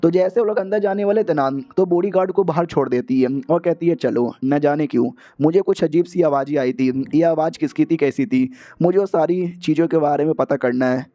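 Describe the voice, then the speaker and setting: A man's voice: on the high side, a little fast, dark tone, muffled recording. A man casually retelling a manga chapter in a jokey, slangy, exaggerated way. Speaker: manga recap narrator. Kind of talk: casual comic story recap.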